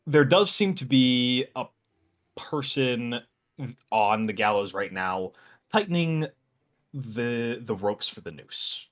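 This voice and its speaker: A man narrating a tabletop game as game master in a measured, descriptive way. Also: mid-range voice, lively intonation.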